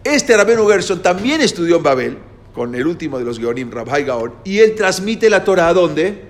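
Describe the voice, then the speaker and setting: A man lectures a class at a normal speed, his high-sitting voice swinging widely in pitch. He explains things step by step, hesitating at times and checking in with listeners by frequently asking "¿no?" and "¿sí?"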